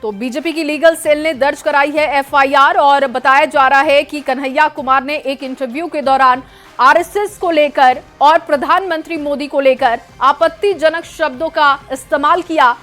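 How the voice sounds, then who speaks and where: A woman anchoring a live TV news bulletin, brisk and emphatic, introducing reports and questioning a correspondent. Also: sits high, fairly bright tone.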